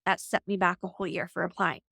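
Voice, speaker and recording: A woman's voice: fairly low pitch, little pitch movement, fast talker, gravelly, bright, forceful tone, no echo, clean studio sound. A woman in her forties, a coach and podcast guest, telling her story earnestly and reflectively with many "like" fillers. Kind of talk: conversational storytelling.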